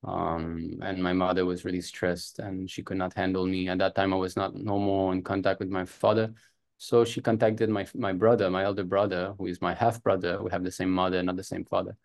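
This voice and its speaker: Speaking a little fast, a Montreal man in his thirties recounts his life as an interview guest on a podcast; French is his native language. His low voice barely moves in pitch and sounds creaky and slightly mellow.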